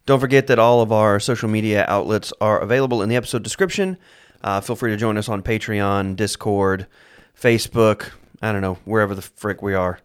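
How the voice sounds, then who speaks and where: Low-voiced man with dry asides. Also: brisk, smooth. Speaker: podcast co-host. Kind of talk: casual group chat.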